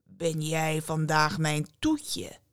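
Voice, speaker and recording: Woman doing a deep, menacing bear. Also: monotone, clear, resonant tone, no echo, clean studio sound. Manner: slow, low, growling threats. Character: huge menacing male bear, gruff.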